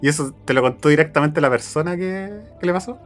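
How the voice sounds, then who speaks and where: Animated man retelling a tale. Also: fairly high pitch, faint music behind. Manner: animated retelling, quick follow-up questions. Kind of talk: casual chat.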